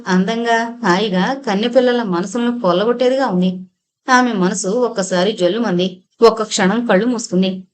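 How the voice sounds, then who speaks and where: A woman narrating a novel for an audiobook, in a steady storytelling delivery. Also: medium pitch. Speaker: audiobook reader.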